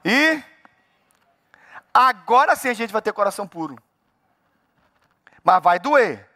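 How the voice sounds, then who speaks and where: A man preaching as a pastor in a church, animated, acting out little dialogues with God. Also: high-pitched, slow, no echo, clean studio sound. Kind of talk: sermon.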